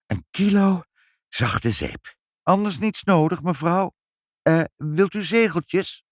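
Man voicing a storybook shopkeeper, fussy, excitable, high squeaky voice, dry close sound. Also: takes it slowly, dry recording. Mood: excited. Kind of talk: children's audiobook reading.

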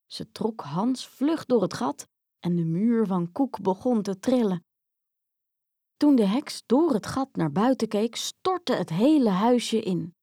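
Woman storyteller, even delivery, fairy tale reading, dry recording. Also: on the high side, slow pace, no room sound. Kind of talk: fairy tale read aloud.

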